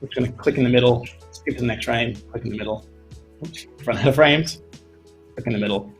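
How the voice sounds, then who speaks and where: A young Australian animation instructor gives a casual, chatty live-stream tutorial from his home studio on a desk mic, saying "you know" a lot. His mid-range voice moves at a quick pace and sounds tired. Faint music plays behind him.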